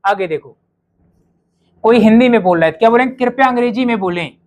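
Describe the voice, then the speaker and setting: A male teacher gives a spoken English lesson to his students. He slows right down to say each sample sentence with care. He keeps quizzing the class with rhetorical questions. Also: very high-pitched, rough recording. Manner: says English model sentences slowly and clearly, then quizzes students.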